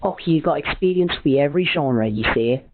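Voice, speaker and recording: An older man with a hoarse voice, chatting folksily on a phone call and calling people laddie. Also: a little high, animated, fairly quick. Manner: folksy, calls everyone laddie. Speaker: caller. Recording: tinny phone line, faint noise.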